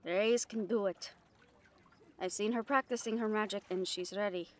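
In a roleplay audio drama, a woman voices a fierce, loyal catgirl pirate first mate, sounding earnest, plain-spoken, determined, and defiant. Her mid-range, everyday-sounding voice has fairly even intonation at a normal speed and plays over background music.

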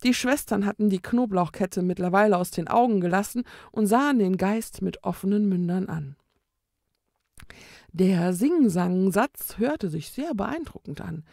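A woman reading a children's book aloud in a calm, measured storytelling manner. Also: medium pitch, vocal fry, dry recording, studio quality. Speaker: storybook reader.

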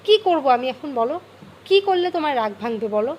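A mother at home, coaxing and pleading with her sulking child in a gentle, pleading way. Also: expressive, quick pace, highs cut off, a little hiss or hum. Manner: pleading, coaxing in a high soft voice. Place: home bedroom.

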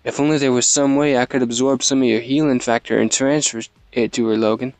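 A man's voice: medium pitch, steady tone, brisk, darkish tone, clear, resonant tone, no room sound, natural voice. A man reading the lines of a regal male king in a game, plainly and in his own voice, without an accent. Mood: solemn. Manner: reads plainly, no accent attempted.

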